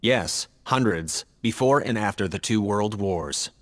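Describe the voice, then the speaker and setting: Here a male actor plays a radio-play artificial intelligence: logical, earnest, and disturbed by people. The scripted dialogue is delivered as a formal, factual, measured report, earnest and matter-of-fact yet animated, in a somewhat low voice followed by long, hall-style reverb.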